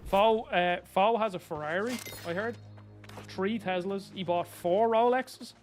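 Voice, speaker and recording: High-voiced Dublin man chatting over gameplay. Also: a little slow, soft background music. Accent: Dublin Irish. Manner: chatty, rambling, opinionated. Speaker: gaming YouTuber. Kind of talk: casual gameplay commentary.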